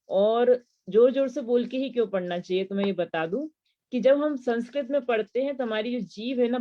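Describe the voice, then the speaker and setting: A woman's voice: medium pitch, dark tone. Woman religious teacher, explanatory lecture voice with rhetorical questions, slightly dull lo-fi audio. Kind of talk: devotional lesson on mantras.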